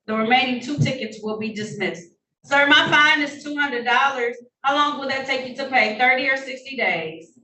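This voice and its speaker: A woman's voice: high voice, pushed and bright. Female judge in a courtroom recording. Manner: brisk, procedural, polite. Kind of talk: formal courtroom proceedings. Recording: echoey room heard from a distance, faint noise.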